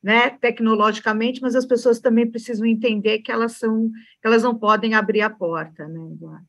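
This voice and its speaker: A Brazilian-accented woman with a fairly high voice conducts an interview. She speaks informally and conversationally, often checking in with little tag questions. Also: steady tone, brisk, fairly bright tone.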